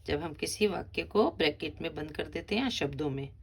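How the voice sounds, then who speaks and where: A woman's voice: low voice, expressive, moderate pace, gravelly, slight background noise. A middle-aged woman, a school teacher patiently explaining a grammar lesson step by step to children.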